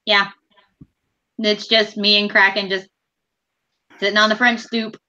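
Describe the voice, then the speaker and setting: A woman's voice: medium pitch, little pitch movement, measured pace, pushed and bright, muffled recording. A woman playing in a tabletop game, giving brief matter-of-fact replies. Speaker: player. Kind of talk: casual tabletop game chat.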